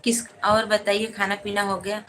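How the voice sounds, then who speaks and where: A folk singer hosting a phone live stream chats casually in a medium-pitched, completely flat voice at a moderate pace. She greets viewers by name and asks for their support over faint background noise.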